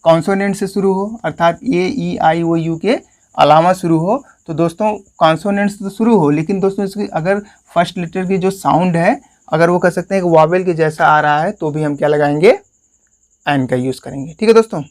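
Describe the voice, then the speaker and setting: Man with a Hindi accent, a bit high-pitched, English grammar tutor who keeps asking and answering his own questions. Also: normal speed. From India. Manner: repeats "friends" and asks questions he answers himself. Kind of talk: explanatory classroom lesson.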